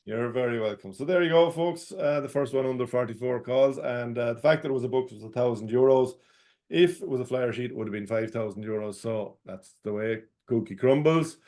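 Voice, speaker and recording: An Irish man hosts as a bingo caller. He delivers in the formulaic patter of the bingo hall, setting out digits and traditional calls. His voice sits at a middling male pitch. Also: brisk, a little mellow. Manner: formulaic, repeats each number digit by digit. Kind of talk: bingo calling with traditional number rhymes.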